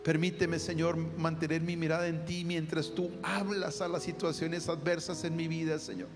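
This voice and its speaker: Over soft guitar music, a prayer leader whose voice is a little high speaks at normal speed in a flat delivery, crying out to the Lord after almost every phrase of his fervent prayer. A long hall reverb surrounds the sound.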